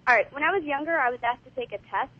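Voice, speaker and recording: A woman calling in to a radio show from a payphone. She speaks haltingly with many pauses. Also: high voice, expressive. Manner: hesitant, halting. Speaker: caller. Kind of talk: call-in radio chat. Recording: muffled telephone line.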